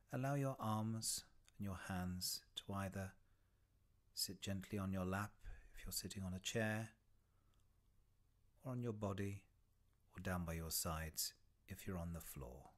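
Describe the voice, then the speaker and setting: In a low-sitting voice, a man guides a body scan meditation. He is gentle and unhurried, leaving long pauses between short phrases that end softly and breathily.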